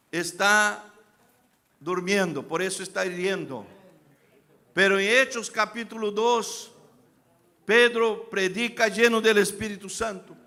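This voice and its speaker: Speaking Spanish with a Brazilian accent, a high-pitched male pastor of Brazilian origin delivers a sermon in a church sanctuary. He alternates softly told stories with shouted exhortations and calls out to the congregation.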